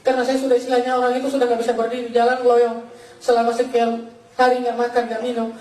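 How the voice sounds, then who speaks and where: A man's voice: extremely high pitch, monotone, fast talker, darkish tone. A man preaching a fervent testimony sermon, telling his story and constantly calling out to his listeners as brothers. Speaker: pastor giving a testimony. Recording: echoey hall, voice from a distance.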